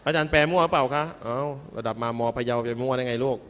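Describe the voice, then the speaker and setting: A man's voice: medium pitch, quick pace, fairly bright tone, a little hiss or hum. A man giving a humorous, playful sermon to students as a monk preacher, joking and calling his listeners children. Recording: reverberant hall with faint music.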